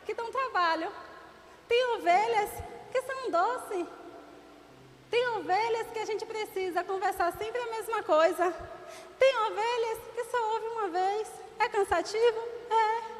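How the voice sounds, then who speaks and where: A woman in her thirties preaching a sermon with animated storytelling. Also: sits high. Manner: animated storytelling, acting out dialogue. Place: church hall. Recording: reverberant church hall, faint noise.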